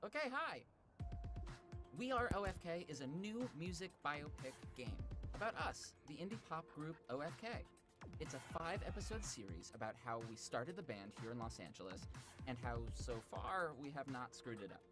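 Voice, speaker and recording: A voice actor playing an excitable young indie pop singer in a game trailer, pitching with bubbly energy. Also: moderate pace, lightly acted. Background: music.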